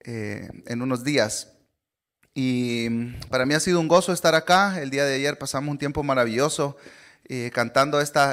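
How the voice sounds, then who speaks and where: A man, preaching an earnest sermon as a guest speaker, often pausing on "eh" and checking in with "¿verdad?". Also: mid-range voice, a bit bright. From Honduras. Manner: earnest, frequent "eh" fillers and "¿verdad?" tag questions.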